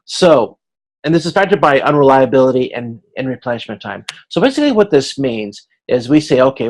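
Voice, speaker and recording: An instructor runs an informal class over video conference, explaining things step by step in a halting way, checking understanding and acting out hypothetical exchanges as examples. His voice is medium-pitched, and the audio quality is poor.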